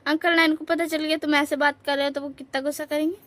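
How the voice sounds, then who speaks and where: A woman voicing a calm older brother who questions and mildly scolds. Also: high-pitched, fast talker.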